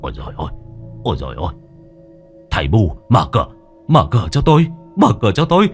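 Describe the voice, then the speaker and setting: A man's voice: lowish voice, huge pitch swings, fast, breathy edge, faint music behind, exaggerated voice. A man voicing a drunk, terrified young man, stammering and breathless.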